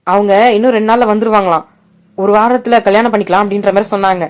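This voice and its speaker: A woman's voice: medium pitch, steady tone, quick pace, natural voice. A woman voicing a talkative village father telling his wife news. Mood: happy. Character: cheerful village father, proud of his daughter.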